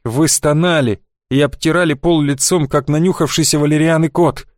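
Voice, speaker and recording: A man's voice: a little high, fairly even intonation, normal speed, no room sound, studio quality, close to an everyday voice. Narrator voicing a curt, sardonic male sorcerer; stern, audiobook. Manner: curt, then coaxing.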